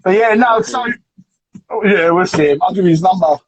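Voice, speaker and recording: A man's voice: sits high, a little fast, dull audio, slight background noise. A man hosting a casual chat, teasing his guest and laughing often. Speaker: host, team manager.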